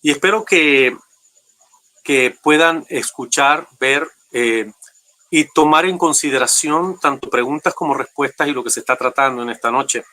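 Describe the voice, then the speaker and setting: Bright-voiced Panamanian pastor. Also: male voice, medium pitch. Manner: courteous, measured, emphatic when questioning. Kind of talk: formal debate speech.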